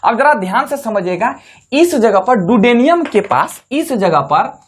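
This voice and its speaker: A man's voice: very high voice, very animated, measured pace, breathy edge. A man teaching a biology class, who asks the students questions and answers them himself, with folksy, jokey asides.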